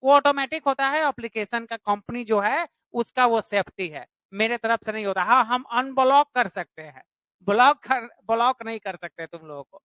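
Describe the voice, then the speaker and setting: A woman's voice: on the high side, normal speed, a bit bright, no echo. A woman teaching a live online English grammar class, repeating points and putting questions to her students. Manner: repetitive, explanatory, questions students directly.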